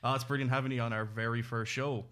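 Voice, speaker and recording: A man's voice: mid-range voice, level tone, fast, fairly bright tone. A man with a Limerick Irish accent hosting a casual student radio show, chatty and enthusiastic. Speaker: host.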